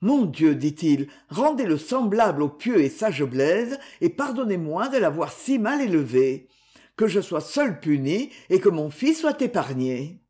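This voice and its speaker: Reader doing an emotional count dad, slow and heartfelt, pitch swings a lot. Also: very animated, a little mellow. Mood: fervent. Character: repentant loving nobleman father. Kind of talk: audiobook character reading.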